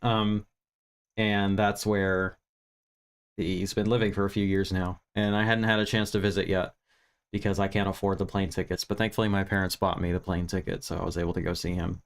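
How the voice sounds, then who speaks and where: His voice sits low and sounds creaky. A livestream film review host from Virginia in the United States, he's tired and recovering from sinus congestion, chatting in a casual, rambling, candid way, laughing at himself and swearing some.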